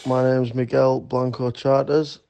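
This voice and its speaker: A man's voice: medium pitch, level tone, a little slow, gravelly, over loud music. A man who plays amateur rugby league, introducing himself and his reading in a matter-of-fact way. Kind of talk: introducing himself for school radio.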